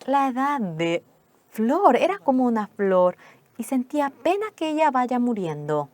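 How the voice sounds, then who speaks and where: Slow-speaking woman interpreting a sermon. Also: a little high, very animated, darkish tone. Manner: slow, measured storytelling. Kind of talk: sermon testimony in Spanish voice-over.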